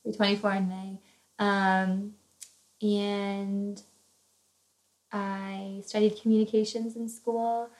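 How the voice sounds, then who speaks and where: A woman's voice: mid-range voice, flat delivery, slow, pauses often, low-quality recording. A woman in her early twenties from Virginia, co-hosting a podcast in chatty casual talk with bubbly, giggly asides. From Northern Virginia, USA. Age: 20s. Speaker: podcast co-host. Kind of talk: casual chat.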